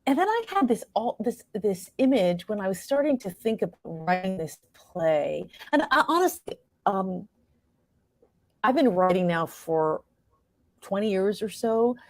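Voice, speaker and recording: A middle-aged American playwright and actor, appearing as an interview guest, speaks at medium pitch and a measured pace. Very animated, she reflects on her life and acts out her own thoughts while telling stories. No echo is present.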